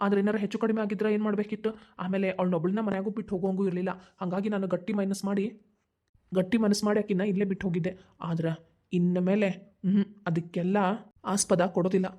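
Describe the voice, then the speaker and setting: Woman as cartoon young son, North Karnataka accent, quick pleading delivery, dark mellow tone. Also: mid-range voice, level tone, dull audio, lightly acted. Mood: earnest. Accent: North Karnataka Kannada. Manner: pleading, determined, talks fast. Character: earnest young man, devoted son and brother. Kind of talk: cartoon voice acting.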